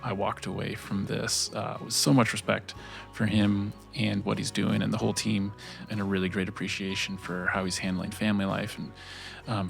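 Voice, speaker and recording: A male podcast host speaking softly in his quiet early-morning voice, telling stories in a relaxed way with many fillers. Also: lowish voice, creaky. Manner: relaxed, filler-heavy storytelling. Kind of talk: podcast intro and interview.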